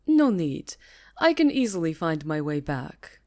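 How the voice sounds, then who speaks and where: In a fantasy ASMR roleplay, a woman voices a haughty, menacing vampire countess with a silky, imperious delivery. Her deep, warm, exaggerated voice swings widely in pitch at a measured pace, sounding smug and gracious.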